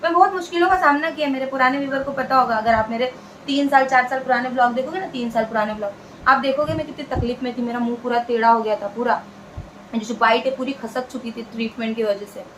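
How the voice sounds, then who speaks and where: Woman vlogger, a touch high-pitched, earnest, chatty, repeats herself for emphasis. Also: fairly even intonation, quick pace, fairly bright tone, slight background noise, rough recording. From India. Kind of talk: casual talk to camera.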